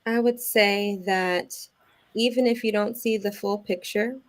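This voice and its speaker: A woman guest on a talk show, giving calm, encouraging and thoughtful answers in a casual interview. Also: mid-range voice, unhurried.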